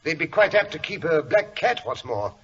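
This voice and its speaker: An actor playing a bluff, earnest British doctor, the detective's loyal companion, blustering through a 1940s radio drama. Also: male voice, on the high side, very animated, moderate pace, fairly bright tone. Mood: astonished, speculating. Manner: blustery, hesitant interjections. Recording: dull, noisy vintage radio recording.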